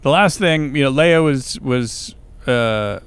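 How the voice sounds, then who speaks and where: A man's voice: medium pitch, expressive, takes it slowly, clean tone, no echo. A man co-hosting a podcast, reading a novel aloud and stopping playfully to comment on its word choice. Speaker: podcast co-host.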